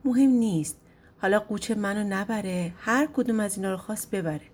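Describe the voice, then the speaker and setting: A woman's voice: medium pitch, a little mellow, a little hiss or hum, lightly acted. A woman reading a storybook voices a curious, stubborn bald shepherd who pleads and pries. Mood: pleading. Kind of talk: storybook narration.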